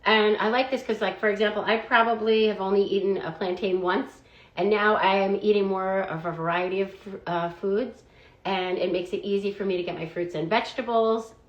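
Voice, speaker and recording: A woman talks through a casual product review vlog at a middling pitch, chatty and loose, leaning on "like" and "um" as she goes. Her voice carries a noticeable roomy echo. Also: fairly even intonation, a little fast, muffled recording. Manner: chatty, fillers of "like" and "um".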